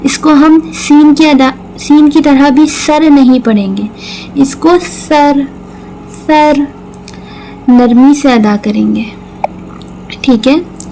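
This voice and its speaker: A woman's voice: high voice, fairly even intonation, takes it slowly, warm tone, slight background noise, rough recording. A woman teaching Quran recitation, patiently explaining each sound step by step and repeating words. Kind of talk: slow tajweed lesson with recitation.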